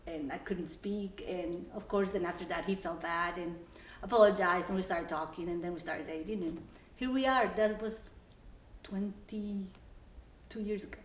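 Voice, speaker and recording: Walking through her house room by room, a Salvadoran woman in her forties whose first language is Spanish tells her story to an interviewer. Her voice is on the low side, steady and moderately paced, full of fillers and restarts, recorded in an echoey room with faint ambience.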